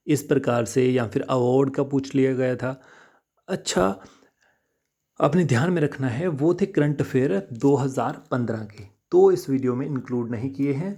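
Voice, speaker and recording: A man's voice: mid-range voice, creaky, warm tone. A man working through exam questions as a teacher in an unscripted lesson, chatty, repeating key answers and addressing viewers directly.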